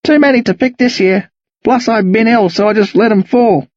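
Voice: medium pitch, normal speed, darkish tone, no echo, highs cut off, pitched above the performer's own voice, natural voice. A reader voicing a friendly, chatty older country man with a broad, slangy drawl. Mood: easygoing.

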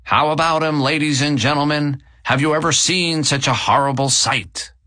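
A man narrating voices a carnival sideshow barker, with showy, booming sales patter that sounds tinny, as through a megaphone. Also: steady tone, normal speed, bright, forceful tone, no echo. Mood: hawking.

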